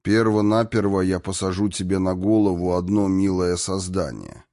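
A man's voice: low voice, moderate pace, warm tone. A man doing a grim, menacing brute warrior. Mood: grim threatening. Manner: menacing, speaks through gritted teeth. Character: menacing grown male warrior-destroyer, grim and brutal. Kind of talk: audiobook character voice.

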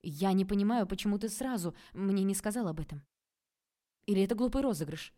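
A woman's voice: mid-range voice, fairly quick, dark tone, natural voice. Woman voicing a hurt desperate young woman. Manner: strained, tearful intensity.

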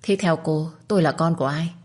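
A woman voicing a cool, defiant young wife who answers with cutting, rapid retorts. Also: low voice, darkish tone, breathy edge.

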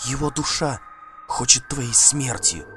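A man reading an audiobook voices a dazed woman seer who has just come out of a trance, speaking slowly and haltingly in a breathy, distant way. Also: mid-range voice, over music, voice pushed up, lightly acted. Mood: eerie, dazed. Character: trance-dazed seeress woman, eerie, cryptic.

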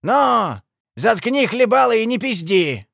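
A man's voice: high-pitched, very animated, moderate pace, no echo, clean studio sound, pitched above the performer's own voice. A man doing a crude young street thug. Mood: rough. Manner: gruff, swearing, bossy.

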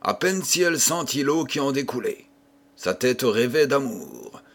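A man's voice: medium pitch, big pitch swings, a little slow. Man reading a story aloud. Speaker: audiobook reader. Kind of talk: scripted narration of a classic story.

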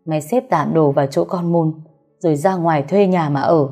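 A woman's voice: sits low, moderate pace, dark tone. A woman voicing a bitter, cold older mother who scolds her daughter bluntly, read aloud from a story with faint music behind. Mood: stern.

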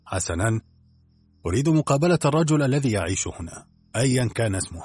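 A man's voice: on the low side, big pitch swings, quick pace, darkish tone, breathy edge. A man reading an audiobook, voicing a bold male detective who speaks decisively and commandingly.

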